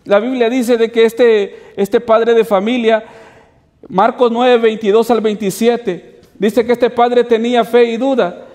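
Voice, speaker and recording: In a hall with long reverb, a male pastor with an extremely high, darkish voice preaches a sermon at an unhurried pace and fairly even intonation. He keeps addressing the congregation as brothers with repeated "hermanos" asides and poses rhetorical questions.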